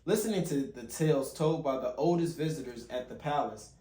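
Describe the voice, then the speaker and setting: A father who hosts a children's read-along channel reads a picture book aloud in a brisk, warm, medium-pitched voice. Now and then he stumbles and rereads a phrase, and the home recording sounds roomy and echoey.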